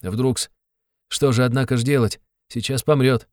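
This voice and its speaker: A man's voice: medium pitch, steady tone, moderate pace, a little mellow, dry recording, studio quality, voice pushed up, lightly acted. A man reading an audiobook, voicing a polite, fussy clerk who speaks soothingly and deferentially. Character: polite, fussy middle-aged male clerk.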